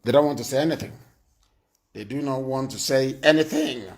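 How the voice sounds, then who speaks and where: This man hosts a live call-in talk show on a stream, his voice medium in pitch and fairly quick. He speaks commandingly, hammering the same points again and again and scolding the people who phone in.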